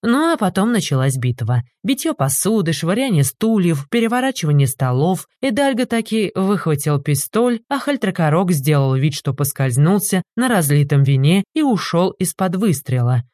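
Woman reading a story out loud, deep voice, dry close sound, lively and wry. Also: normal speed, few pauses, dry recording. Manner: lively, mocking. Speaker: narrator. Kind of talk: audiobook narration.

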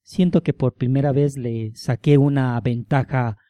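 A man's voice: medium pitch, fairly even intonation, unhurried, mellow, no room sound, lightly acted. A man voicing a tortured male prisoner in a radio drama, sardonic and mocking in his politeness.

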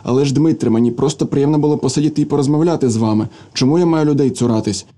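A man reading the part of a sharp-tongued young woman in an audiobook, in an ironic, teasing manner. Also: medium pitch, racing, natural voice. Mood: placating.

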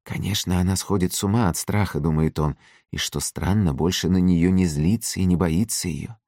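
A man narrating an audiobook in an expressive, scripted reading. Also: deep voice, moderate pace, dry recording, studio quality.

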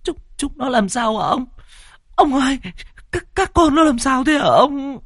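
A man's voice: extremely high pitch, expressive, unhurried, fairly bright tone, no echo, studio quality, voice pushed up, full character voice. A man voicing a distraught elderly mother who stammers out pleading questions. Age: older.

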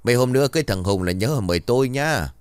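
A man's voice: mid-range voice, lively intonation, fast, clean tone, no room sound, pitched above the performer's own voice, natural voice. A man voicing a gossipy, sneering middle-aged village woman.

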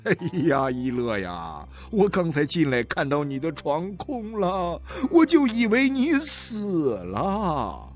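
A man's voice: on the high side, huge pitch swings, slow, few pauses, pitched above the performer's own voice, full character voice. A man voicing a distraught middle-aged father in an audiobook, tearful and exclaiming, with choked words and faint music behind. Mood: tender, tearful. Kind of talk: audiobook character voice.

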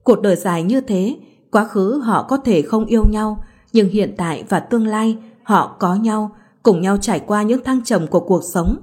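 A woman narrating a romance story in a calm, even storybook reading. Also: medium pitch, normal speed, slightly rough. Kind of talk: scripted narration.

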